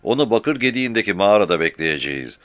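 A man's voice: on the low side, sing-song, fast, a bit bright, pitched above the performer's own voice. A man voicing a frightened young shepherd boy, timid but eager to tell what he saw, in an audiobook.

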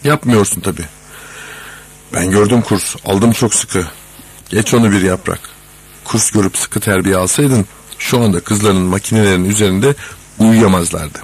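A man voicing a sharp-tongued male coworker, speaking with sarcastic reproach in a storybook reading. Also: fairly low pitch, normal speed, slightly rough. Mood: scornful.

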